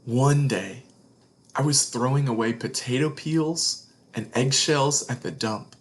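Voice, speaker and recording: A man reading a picture book aloud to children as a read-along host, with deliberate, emphatic phrasing. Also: mid-range voice. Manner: deliberate phrasing, emphatic, explains words to young listeners.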